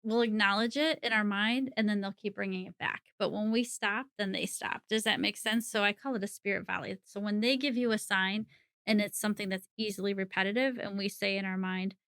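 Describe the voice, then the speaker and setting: Middle-aged woman guest, bright forceful voice, dry close sound, chatty with frequent laughs. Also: mid-range voice, fairly even intonation, brisk, smooth, no echo. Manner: chatty, laughs often mid-sentence. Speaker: psychic medium guest. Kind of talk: casual interview conversation.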